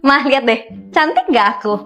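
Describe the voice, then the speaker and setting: A woman's voice: sits high, animated, normal speed, fairly bright tone. A young woman playing a sweet, lovestruck grown daughter who whines and pleads with her parents. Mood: whiny. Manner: whiny, pleading. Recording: music clearly under the voice.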